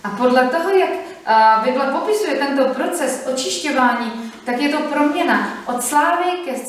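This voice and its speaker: A woman interpreting a sermon phrase by phrase, fluent and steady with brief hesitations, also reading scripture aloud. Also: high-pitched. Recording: echoey hall from far off.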